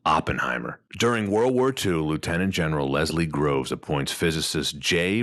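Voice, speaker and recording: A man's voice: extremely low pitch, fairly bright tone, dry recording, studio quality. A man hosting a casual film podcast, chatting and reading out film details with a few stammers. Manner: chatty, stammers on restarts, reads film facts out. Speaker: podcast host.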